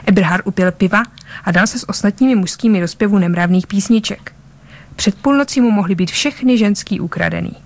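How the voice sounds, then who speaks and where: A woman reading a story aloud, narrating with lively delivery and small slips. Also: medium pitch. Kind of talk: audiobook-style story reading.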